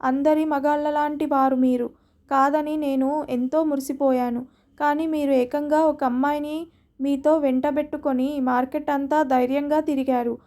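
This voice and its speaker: A woman's voice: high voice, flat delivery, moderate pace, warm tone, close to an everyday voice. A woman voicing a hurt, jealous young wife who accuses her husband in a read-aloud story. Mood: accusing. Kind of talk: storybook reading.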